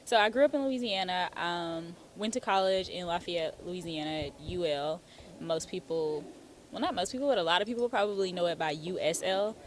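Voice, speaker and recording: Chatting fairly quickly in a voice on the low side, this Houston, Texas attorney and author answers an interviewer casually, dropping plenty of "um"s and "like"s. There's a little hiss or hum in the recording.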